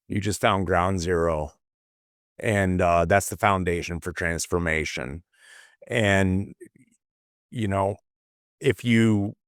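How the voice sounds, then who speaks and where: A man co-hosting a motivational talk, earnest and full of fillers and restarts, a little hoarse as he loses his voice. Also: on the low side, dry recording, studio quality. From California. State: losing his voice a bit. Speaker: podcast co-host.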